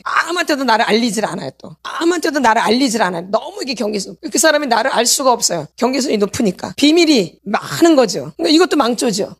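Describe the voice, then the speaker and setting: A woman pastor preaching a sermon, repeating her points and asking the audience for assent again and again. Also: high voice. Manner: repetitive, emphatic preaching.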